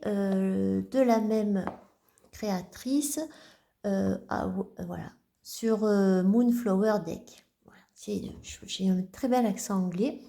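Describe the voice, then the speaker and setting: A woman vlogger casually showing her card decks, talking gently and haltingly with many restarts. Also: medium pitch, creaky. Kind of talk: casual show-and-tell vlog.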